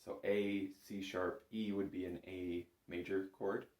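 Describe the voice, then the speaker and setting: A bagpipe instructor gives an informal, chatty music lesson, walking through exercises in an encouraging and self-effacing way. His voice is low and darkish, delivered flatly at a measured pace. The room is roomy and echoing.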